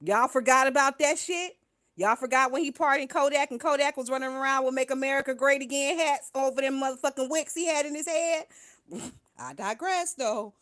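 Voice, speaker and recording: Brief: young woman, livestream gossip host, brash and profane, quick laughs, loud then hushed. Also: high voice. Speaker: livestream host reading viewer chat. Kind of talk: casual profane gossip commentary.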